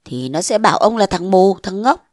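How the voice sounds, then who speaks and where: A woman voicing a bold, scheming young wife of a mandarin, defiant and sharp-tongued, in a storybook reading. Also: mid-range voice, expressive, normal speed, no echo, studio quality, lightly acted. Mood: scornful.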